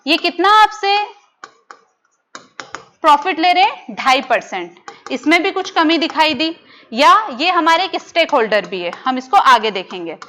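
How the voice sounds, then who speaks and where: High-voiced woman teaching an exam class. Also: pushed and bright, a little hiss or hum. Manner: asks the class questions and answers them herself, repeats key terms. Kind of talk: exam-prep lecture.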